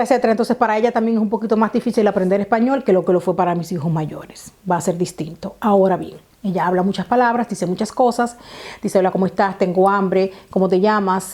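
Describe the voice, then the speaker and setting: Chatty woman vlogging, mellow voice. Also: mid-range voice. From Dominican Republic. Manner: explanatory, repeats phrases, many fillers. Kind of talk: casual talk to camera.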